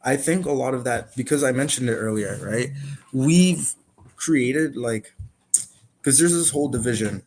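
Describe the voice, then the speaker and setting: A man's voice: medium pitch, moderate pace, a little mellow, slight background noise, poor audio. A man with a Toronto accent explaining his opinions in a casual panel discussion. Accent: Toronto Canadian.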